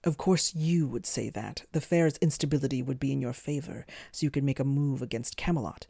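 A storyteller voicing an outraged, pompous man who shouts in protest. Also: medium pitch, a little fast, creaky, slightly rough, no room sound, clean studio sound. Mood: indignant. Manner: indignant, blustering.

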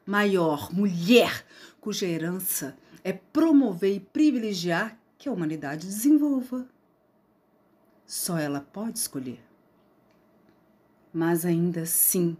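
A woman performing a spoken word poem, slow and dramatic with sudden loud outbursts. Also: medium pitch.

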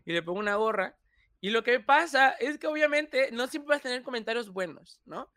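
A young man with a Mexican Spanish accent, talking as a guest in a casual interview, animated and quick to laugh. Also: extremely high pitch, clean tone, dry recording, clean studio sound. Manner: animated, laughs often, restarts phrases. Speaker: YouTuber guest.

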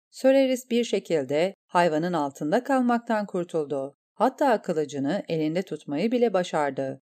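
A woman narrating a fantasy novel in a measured, dramatic reading style. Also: on the low side, warm tone. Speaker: audiobook narrator. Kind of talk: scripted narration.

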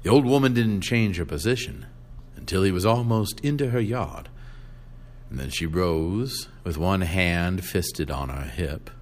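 A man reading a short story aloud with expressive, deliberate storytelling. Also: sits low. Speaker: reader.

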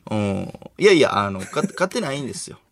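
A man with a Kansai accent co-hosting late-night comedy radio. He shoots back sharp comebacks and loud denials, with an animated pitch, over a faint hiss. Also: fast, vocal fry. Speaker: radio co-host.

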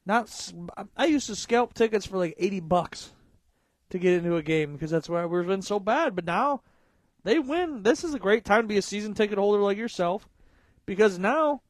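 A man in his thirties co-hosting a casual sports talk show, excitable and swearing, often shouting with excitement. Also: high voice, normal speed, dry recording. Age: 30s. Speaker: podcast co-host.

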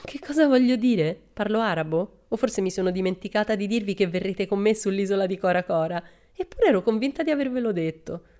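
A woman's voice: fairly low pitch, lively intonation, a little fast, warm tone, close to an everyday voice. A woman voicing a boisterous, cheerful young girl adventurer who keeps exclaiming with delight, in a storybook reading. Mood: exuberant. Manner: exuberant, exclaiming.

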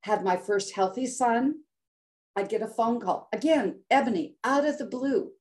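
An older American woman, appearing as a health coach guest in an interview, tells an emotional personal story with dramatic flair. She acts out quotes by shifting her voice. Her voice runs on the high side and is a little mellow, at a normal speed.

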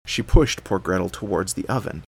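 A man reading a fairy tale aloud as a father, in a measured, steady storytelling voice. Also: deep voice.

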